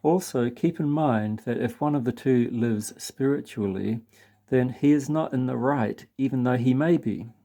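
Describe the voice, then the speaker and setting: A priest reading a spiritual book aloud in a measured, earnest way, now and then stumbling over a word. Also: male voice, medium pitch, mellow.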